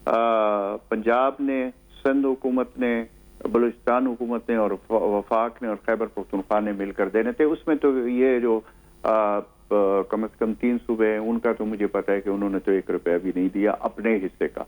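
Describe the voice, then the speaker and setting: A man who is a guest analyst on a talk show, speaking in a measured way with many hesitations and fillers. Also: lowish voice, fairly even intonation, a little mellow. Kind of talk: studio talk show discussion. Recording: tinny phone-line sound.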